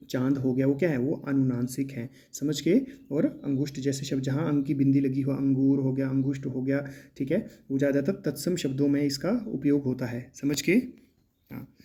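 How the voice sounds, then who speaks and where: A man teaching as he works through mock exam questions, often checking in with the class and pausing with drawn-out hesitations. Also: medium pitch, mellow. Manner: repetitive, checks in with "है ना" and "ठीक है".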